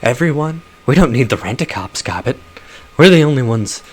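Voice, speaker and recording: A man voicing a shy female dwarf in a game, speaking flatly and a bit higher than his own voice. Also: normal speed, breathy edge. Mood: wary. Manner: flat, mumbling.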